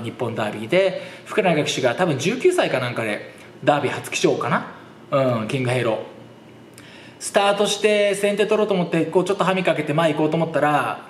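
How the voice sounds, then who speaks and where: A man hosting a horse racing channel, talking casually to camera in a rambling, chatty way and laughing often. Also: a little high. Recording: roomy echo.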